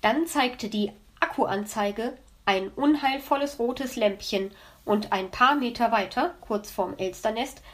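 A woman narrating a children's animal story, reading in a lively way and voicing the characters. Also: on the high side, measured pace.

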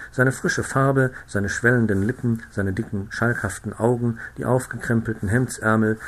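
A man reading a classic story aloud, narrating in a measured, expressive way. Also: on the low side, slight background noise. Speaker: reader. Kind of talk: literary audiobook narration.

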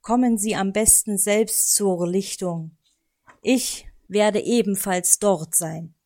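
Storybook raven voiced by a woman: strict, pompous male bird, formal speech, croaking tag, unhurried. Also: medium pitch, warm tone. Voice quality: croaks a "gra" at line ends. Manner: stiff and formal.

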